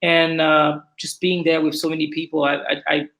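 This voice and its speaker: A Haitian man in his thirties with a Haitian accent chats casually as a guest on a video-call interview, often repeating words when starting a thought. His voice is a little high, gravelly and fairly bright, with flat delivery at a moderate pace.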